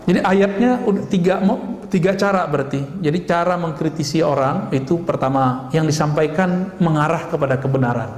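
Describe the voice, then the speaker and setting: A man preaching a lively sermon and asking the audience questions, now and then acting out scolding voices. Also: on the high side, a little hiss or hum. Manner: animated, acts out scolding voices, laughs. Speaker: Islamic preacher. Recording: echoey hall recording with ambience.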